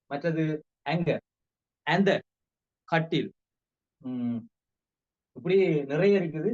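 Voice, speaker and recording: A man with a Sri Lankan Tamil accent giving a casual spoken language lesson, repeating words slowly for drill. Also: sits high, dull audio. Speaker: language teacher.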